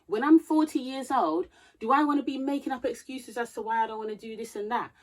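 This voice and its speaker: This thirtysomething vlogger's voice runs high and fairly quick as she delivers sincere, moralizing advice straight to camera. Every so often she checks her notes, becoming more forceful as she continues.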